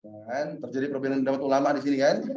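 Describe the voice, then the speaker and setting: A man's voice: medium pitch, fast, darkish tone, slight background noise. A man teaching an Arabic class, explaining step by step and checking in with his students, with an occasional chuckle. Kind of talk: online class lesson. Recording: roomy, muffled lo-fi sound.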